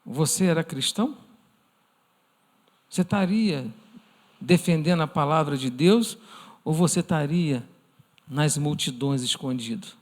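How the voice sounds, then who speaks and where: Brazilian male preacher, high voice, earnest, church hall reverb. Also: measured pace, long pauses. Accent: Brazilian Portuguese. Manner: earnest, addresses listeners as brothers; acts out imagined prayers in a softened voice. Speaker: church teacher. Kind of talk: church lesson sermon.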